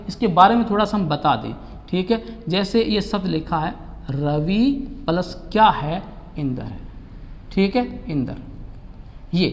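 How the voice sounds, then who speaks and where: A man's voice: high-pitched, in a large hall. A man teaching Hindi grammar in an online exam-prep class, asking questions and answering them himself, with "ठीक है" after almost every point.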